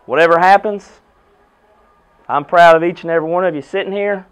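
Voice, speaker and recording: High-pitched American coach giving a pep speech. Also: male voice, brisk, clear, resonant tone. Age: middle-aged. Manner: motivational, emphatic, short punchy phrases with rhetorical questions. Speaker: basketball head coach. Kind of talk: pregame locker-room pep speech to the team. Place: indoor team locker room. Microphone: camera a few metres away.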